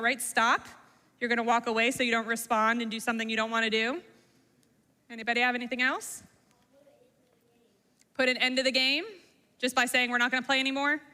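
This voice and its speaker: A woman's voice: fairly high pitch, sharp tone. A woman talking to a middle school class, drawing them in with questions and simple examples. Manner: engaging, asks the class questions. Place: school room or hall, long echo. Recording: reverberant hall sound.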